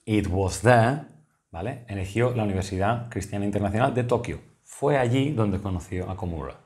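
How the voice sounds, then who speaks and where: A man's voice: fairly low pitch, a little fast, a little mellow. A man with a Spanish accent, a tutor patiently explaining exam answers step by step and often checking in with his listeners. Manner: patient, methodical, asks "¿vale?" often.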